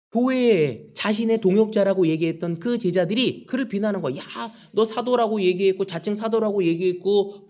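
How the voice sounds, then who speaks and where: A man's voice: high-pitched, darkish tone, muffled recording. A male pastor preaching a sermon, acting out prayers and the taunts of others as he goes. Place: church sanctuary.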